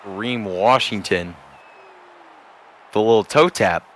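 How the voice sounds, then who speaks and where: A man giving play-by-play commentary on a video game football stream, measured and steady, rising to shouts on big plays. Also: fairly low pitch, some chatter behind, slight background noise. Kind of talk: sports commentary.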